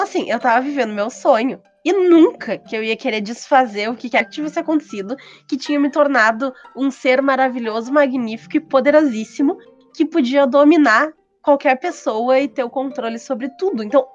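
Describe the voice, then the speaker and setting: High-voiced woman chatting over soft music. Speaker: podcast co-host. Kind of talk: casual chat about tabletop games. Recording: slightly muffled, music behind.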